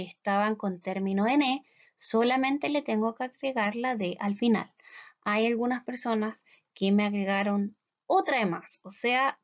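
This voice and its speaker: A woman teacher with a Chilean Spanish accent patiently explaining English grammar to her students, checking in with them again and again and saying English words slowly. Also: a little high. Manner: patient, repeats "¿cierto?" to check understanding. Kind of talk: classroom lesson explaining grammar. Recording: dull lo-fi sound.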